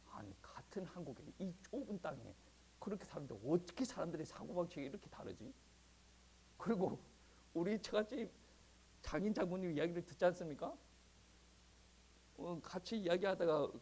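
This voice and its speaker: A male pastor preaching a sermon in a conversational, animated way, often chuckling. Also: a little high, breathy edge. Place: church.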